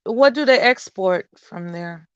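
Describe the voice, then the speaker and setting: A man's voice: high voice, lively intonation, unhurried, fairly bright tone, clean tone, no echo, muffled recording. A man in a casual political discussion who joins in with brief questions and short remarks.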